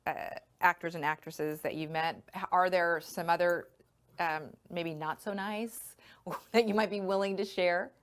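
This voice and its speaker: A woman hosting an interview, reacting to her guest with warm, responsive interjections. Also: fairly low pitch, steady tone, measured pace, clear, resonant tone. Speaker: podcast host, interviewer.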